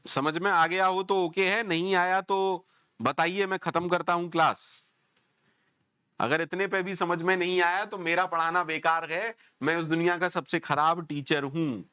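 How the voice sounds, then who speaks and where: Guy teaching coding, high pitched voice, sarcastic, scolds his students. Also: steady tone, moderate pace, bright, forceful tone, smooth. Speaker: programming teacher. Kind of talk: online coding lecture.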